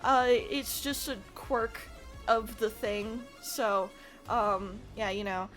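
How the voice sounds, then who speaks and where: Playful gamer girl streamer, woman w high bright voice, excitable casual chat, some music behind. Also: takes it slowly, poor audio. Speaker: livestreamer, host. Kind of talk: casual chat with livestream viewers.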